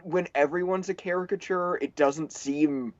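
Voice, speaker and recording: A man with a somewhat high voice chatting on a panel podcast, laughing easily between points. His mic sounds dull and dry, with no room around it. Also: steady tone, moderate pace, dry recording. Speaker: podcast co-host. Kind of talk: casual panel chat.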